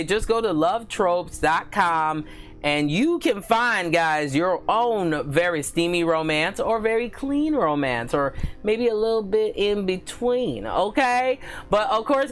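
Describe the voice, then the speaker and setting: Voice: mid-range voice, animated, measured pace, faint music behind. A book vlogger hosting a casual live stream, talking in a chatty, gushing way, full of fillers and calling viewers guys. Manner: giggly and gushing. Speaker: book reviewer and channel host.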